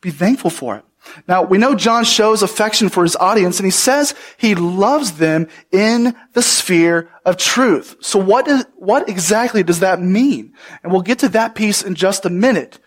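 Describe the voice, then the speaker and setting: A male pastor with a notably high voice delivers a Bible sermon. He speaks earnestly and with emphasis, often turning to the congregation with questions. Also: a little slow.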